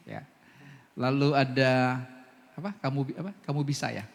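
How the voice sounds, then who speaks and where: A pastor preaches a sermon in a church hall with long reverb, telling a lively story packed with asides and frequent laughter. His voice is mid-range, gravelly, and unhurried.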